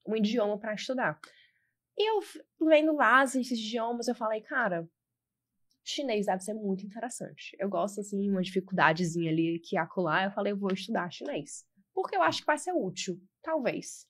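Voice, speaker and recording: A woman's voice: medium pitch, normal speed. Young Brazilian woman telling stories. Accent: Ceará Brazilian Portuguese. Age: 20s. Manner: animated storyteller, repeats words for emphasis. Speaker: guest. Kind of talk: casual podcast interview.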